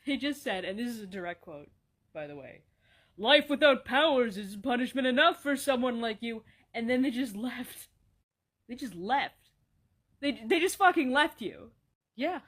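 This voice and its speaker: High-voiced woman doing comedy sketches. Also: unhurried, pauses often, slightly rough. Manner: casual, swears a lot, deadpan banter. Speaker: sketch comedy creator playing all roles.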